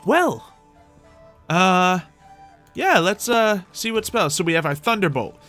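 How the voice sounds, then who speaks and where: This man speaks slowly in a high, sing-song voice that's a bit bright, with faint music behind him. As a gaming host playing a roleplay character, he improvises playful commentary while musing aloud to viewers.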